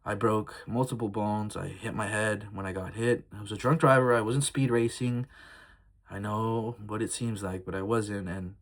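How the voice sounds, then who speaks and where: This early-20s vlogger, twenty-one, has a fairly low pitch, a steady tone and a moderate pace. He rambles candidly to his phone camera in a confessional way, reflective and sincere, with lots of fillers.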